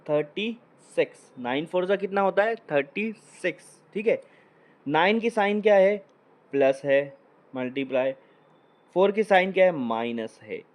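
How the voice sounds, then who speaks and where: A man's voice: sits high, expressive, moderate pace. A man teaching a maths class, who keeps asking questions and answering them himself, repeating each step. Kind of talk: whiteboard maths lesson.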